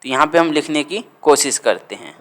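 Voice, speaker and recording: Man teaching, slow dictation. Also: on the high side, animated, a bit bright. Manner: slow dictation, repeating words to write down. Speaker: Hindi grammar teacher. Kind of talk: classroom lesson, dictating to students.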